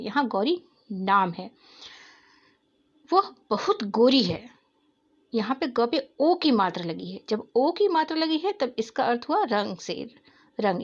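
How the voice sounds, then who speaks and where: Woman teacher, slow, patient, lively pitch, slightly husky. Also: lo-fi sound. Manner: patient, repeats questions and answers for children. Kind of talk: classroom-style lesson explaining Hindi exercises.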